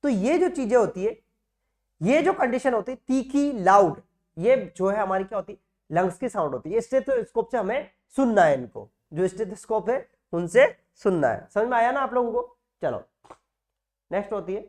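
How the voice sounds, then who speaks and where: Lecturing on nursing exam content in classroom style, a man asks and answers his own questions and repeats key terms. He has a high, a little mellow voice that is very animated, at a moderate pace.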